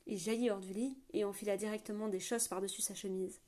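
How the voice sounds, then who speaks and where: A woman's voice: mid-range voice, fairly even intonation, fast talker, dark tone. Woman narrating a fantasy audiobook.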